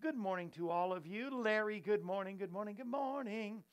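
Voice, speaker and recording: A man's voice: high-pitched, normal speed. A man hosting a show in an easygoing, playful way, chatting and joking with his crew and viewers. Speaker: host. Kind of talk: casual chat.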